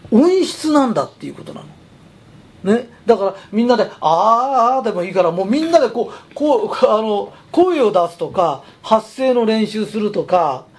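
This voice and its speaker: Husky-voiced company president, lively delivery. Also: male voice, high-pitched, normal speed. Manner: chatty, emphatic, persuasive storytelling. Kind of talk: casual motivational talk.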